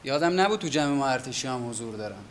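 A man's voice: mid-range voice, expressive, a bit bright, a little hiss or hum, natural voice. An actor playing an opinionated man at a gathering who speaks in an assertive, pointed way. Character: opinionated man at a salon, provocative. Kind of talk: period TV drama acting.

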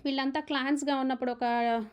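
A woman's voice: high-pitched, clear, resonant tone. A woman giving an opinionated, emphatic recap of a reality show argument. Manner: fast, animated, emphatic, retelling arguments.

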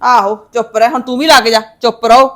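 A woman playing a sharp-tongued visiting mother who scolds and taunts her daughter's in-laws in a family drama. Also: extremely high pitch, fast. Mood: scolding.

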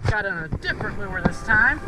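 A man in his thirties talking casually to an action camera while fishing on a riverbank, breaking into excited exclamations over each catch. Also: sits high, brisk. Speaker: fishing vlogger. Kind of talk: casual outdoor vlog commentary. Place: riverbank outdoors. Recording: loud river and outdoor noise.

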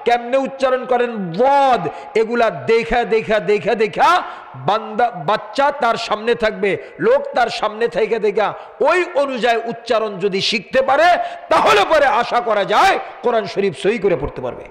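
A very high-voiced male preacher delivers a fiery sermon, throwing rhetorical questions at his listeners and slipping into sing-song chanting. His voice rings through an echoey hall with a long, trailing reverb. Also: moderate pace. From Bangladesh. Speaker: Islamic preacher.

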